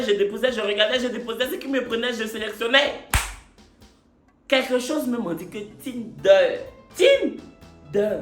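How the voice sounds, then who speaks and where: A man confides his love story to camera, a little tipsy late at night. His delivery is theatrical and playful, with lively rises and falls and lots of repetition. The room around him is echoey, with faint music underneath. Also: high-pitched. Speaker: YouTuber telling his own story. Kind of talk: comic confessional vlog.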